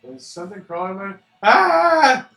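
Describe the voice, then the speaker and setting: Higher-pitched, lively man reacting to a game. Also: normal speed, recorded from a distance. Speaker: game streamer. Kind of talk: casual gameplay reactions. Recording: echoey room, faint game music.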